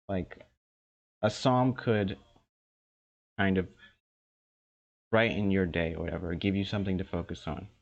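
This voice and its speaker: Slow, hesitant young man, lo-fi sound. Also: on the low side. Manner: slow, hesitant, many ums and restarts. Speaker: podcast co-host. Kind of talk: casual chat. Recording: dull lo-fi sound.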